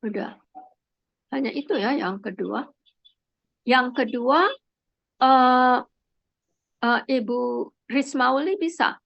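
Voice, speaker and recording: A woman leading an online prayer meeting on a video call, calling on each person gently by name. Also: high-pitched, slow pace, gravelly, pauses often, lo-fi sound.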